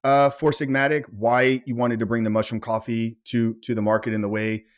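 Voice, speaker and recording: A man's voice: mid-range voice, level tone, fairly quick. Man hosting, stumbling through questions. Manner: stammering repetitions, casual questions. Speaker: podcast host, coach. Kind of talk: interview questions.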